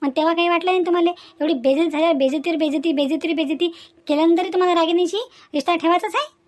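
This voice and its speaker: In a Marathi family cartoon, a woman voices a spiteful, indignant young daughter-in-law mid-quarrel, scornfully scolding and repeating herself with rhetorical questions. Her voice is extremely high, a little mellow, and races along.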